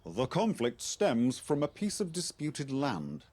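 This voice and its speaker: A man playing a composed knightly officer in a game, speaking formally and deliberately as he recruits and instructs. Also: mid-range voice, wildly swooping pitch, a little mellow, full character voice. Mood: grave, measured. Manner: formal, measured, articulate. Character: measured Arthurian knight-officer recruiting an outsider to investigate. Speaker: quest-giving game character. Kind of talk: scripted game dialogue.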